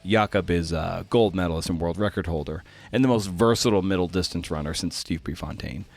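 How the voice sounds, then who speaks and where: A man in his forties hosts a solo podcast, musing aloud in a relaxed, chatty way and questioning himself as he goes. His voice is deep with vocal fry, and he talks a little fast. It's a reflective monologue.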